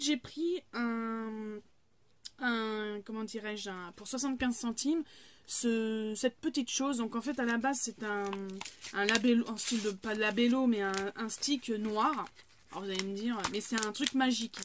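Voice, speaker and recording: A woman's voice: a little high, moderate pace, a little hiss or hum. A woman in her thirties chatting casually through a haul video, with many fillers and restarts. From France. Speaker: haul vlogger.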